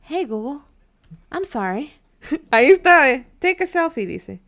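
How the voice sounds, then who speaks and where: A woman's voice: high voice, very animated, measured pace, a bit bright. A woman with a Mexican accent chatting casually on a livestream, joking with her viewers and laughing often.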